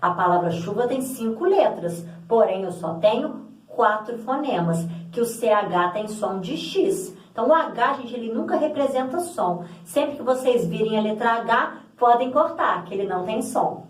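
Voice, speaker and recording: A woman's voice: on the high side, animated, normal speed. A woman teaching a grammar lesson, explaining patiently and repeating example words aloud to stress them. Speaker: Portuguese language teacher. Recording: echoey room, voice from a distance.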